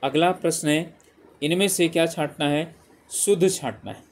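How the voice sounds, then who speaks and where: A man with a slightly high voice and normal speed leads exam prep on multiple-choice spelling questions. He goes through them one at a time, repetitively reading the answer options aloud and often saying "ठीक है".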